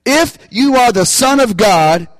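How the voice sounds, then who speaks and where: A man's voice: extremely high pitch, lively intonation, unhurried, no echo, rough recording. A man preaching a sermon, calling out to the congregation for responses and rising into bursts of emphasis. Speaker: pastor.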